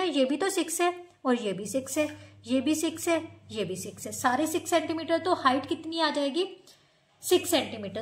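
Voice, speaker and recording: A woman with an Indian accent and a high, light voice gives a maths lesson. She works through every step patiently and keeps checking with her students. Her voice sometimes drifts a little off the mic as she moves to write. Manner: patient, explains step by step, often calls students "beta". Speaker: maths teacher.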